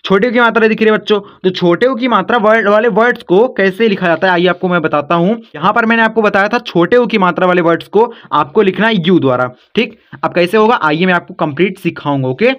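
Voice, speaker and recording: High-voiced man teaching spelling slowly. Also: fairly bright tone. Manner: slow, step-by-step explaining, calls listeners kids and brother. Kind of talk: spelling lesson for beginners. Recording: dull lo-fi sound.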